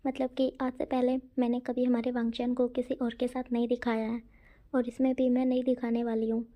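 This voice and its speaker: High, flat-voiced woman telling a story. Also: brisk. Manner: chatty, addresses the listeners directly. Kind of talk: casual story narration.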